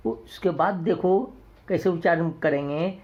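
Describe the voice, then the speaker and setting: A man teaching a recorded primary school lesson, deliberately saying each letter twice so young pupils can copy it. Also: on the high side. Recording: dull lo-fi recording.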